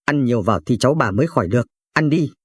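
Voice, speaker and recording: A man's voice: mid-range voice, lively intonation, very fast, breathy edge, no room sound, studio quality. A man voicing a stern, bossy old grandmother in a narrated story, scolding in tone.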